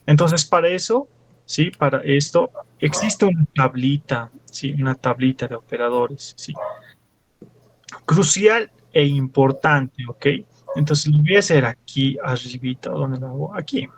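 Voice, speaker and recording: A man's voice: fairly high pitch, animated, measured pace, slight background noise. A young man with a Bolivian Spanish accent, a teaching assistant working through problems step by step in class and quizzing his students. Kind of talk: classroom lecture.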